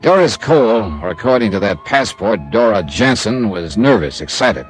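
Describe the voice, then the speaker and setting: Here a man on the low side talks at a moderate pace with big pitch swings, over soft background music and through poor audio. Again he acts as a wry, streetwise American investigator narrating his case in first person, in the clipped, hard-boiled style of classic radio detective drama, sounding wry and intent.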